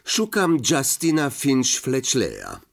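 An indignant teenage boy, quick to defend himself, heated and sharp in his replies, as a male narrator voices him. The voice is only slightly lifted from the reader's own and stays lively in pitch. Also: creaky, exaggerated voice.

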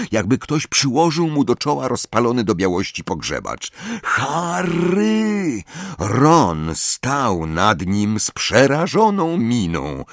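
A man narrating an audiobook in a dramatic, expressive reading style. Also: on the low side, no room sound, studio quality.

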